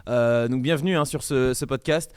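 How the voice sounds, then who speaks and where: A man's voice: mid-range voice, normal speed, clean tone. A man hosting a casual podcast in an effusive, enthusiastic, informal way. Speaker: podcast host.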